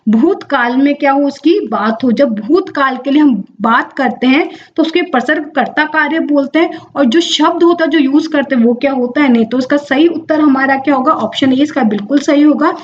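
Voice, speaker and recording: High-voiced woman tutoring through exam questions. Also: muffled recording, slight background noise. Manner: explains slowly, drawing out words and asking herself questions. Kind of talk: exam-prep lesson.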